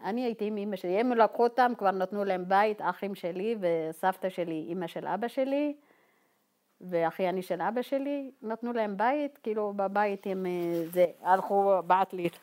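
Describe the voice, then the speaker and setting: A woman from Ethiopia telling her own life story to a group in a halting, informal way, full of fillers and re-enacted dialogue. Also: medium pitch, a little mellow. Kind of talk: personal testimony told to a group.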